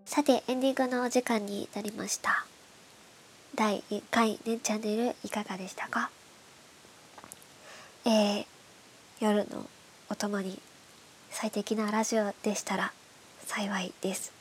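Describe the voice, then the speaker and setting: A woman with a stuffed-up, nasal voice from hay fever, hosting a bedtime radio show in soft, breathy, casual chat that often drops toward a whisper. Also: medium pitch, level tone, unhurried, pauses often. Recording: clearly audible background hiss.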